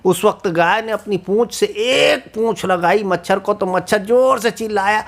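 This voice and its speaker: A man narrating a children's cartoon story, often pausing to ask the young listeners questions. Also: high voice, creaky. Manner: asks the children questions, sing-song.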